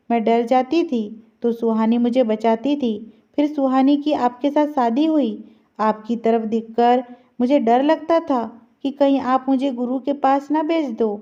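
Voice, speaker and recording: High-voiced woman reading a sad story. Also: mellow. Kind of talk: scripted narration of an emotional story. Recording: slightly dull lo-fi recording.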